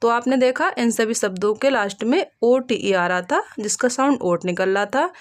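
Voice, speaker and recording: A woman with a slightly high voice gives a pronunciation lesson to her learners. She spells each word out letter by letter, then asks what it is and answers herself. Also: moderate pace. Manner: spells words letter by letter and asks rhetorical questions. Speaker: English teacher.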